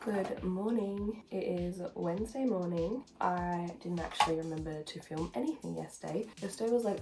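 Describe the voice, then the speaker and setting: A woman with a fairly low voice chats informally to camera in her personal vlog, rambling and confiding in the listener. The audio is poor, and music plays in the background.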